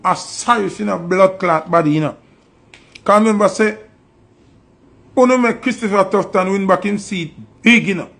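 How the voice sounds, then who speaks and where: Gravelly, high-voiced Jamaican man ranting. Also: fairly bright tone. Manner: preachy, confrontational, repeats rhetorical questions. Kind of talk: ranting monologue.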